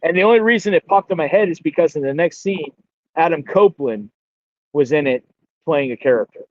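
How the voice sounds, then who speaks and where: Male podcast co-host, relaxed and easygoing, dull lo-fi mic with dry sound. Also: fairly high pitch, a little fast, dry recording. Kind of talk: casual podcast chat.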